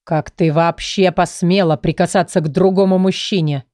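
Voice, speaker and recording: Woman voicing a sarcastic jealous king, low mocking voice, dark tone, dry audiobook sound. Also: steady tone, normal speed, dry recording, lightly acted. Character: cold, jealous young royal husband, sarcastic. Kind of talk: audiobook character voice.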